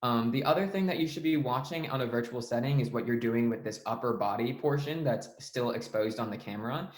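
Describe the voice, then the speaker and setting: A man's voice: mid-range voice, brisk, reverberant. A young man teaching debate speech delivery in an online lesson, explaining in a casual tone with frequent fillers. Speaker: debate coach.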